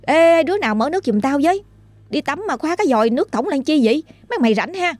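A woman voicing a sharp-tongued, irritated young woman who bosses and snaps at her friends. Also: mid-range voice, quick pace, no room sound, natural voice. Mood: annoyed shout. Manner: bossy, snapping.

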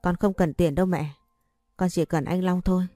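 Storybook figure: a tearful young wife begging to stay, mellow low voice, read by a woman. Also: steady tone, normal speed, no echo, faint music behind, natural voice. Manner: stammering, begging.

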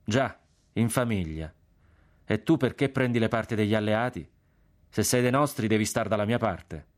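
A man's voice: on the low side, normal speed, natural voice. A male reader voicing a hostile partisan officer, scornful and menacing. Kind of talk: audiobook character voice.

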